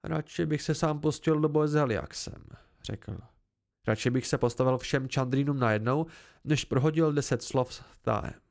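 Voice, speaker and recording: A man voicing a weary, scornful fae man who talks in a sulky, dismissive way, with a gravelly voice. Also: mid-range voice, darkish tone, natural voice.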